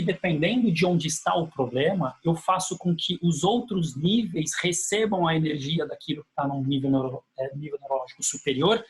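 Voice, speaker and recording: A man teaching a lesson, walking through slides in an explanatory way and slowly acting out phrases that parents say. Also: on the high side. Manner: explanatory, repeats key phrases. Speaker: instructor. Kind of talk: explaining slides in a lecture video.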